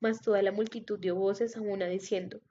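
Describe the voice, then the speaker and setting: Woman scripture reader, warm, even delivery, muffled lo-fi recording. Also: mid-range voice. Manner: steady, measured reading. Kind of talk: Bible reading. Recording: dull lo-fi recording.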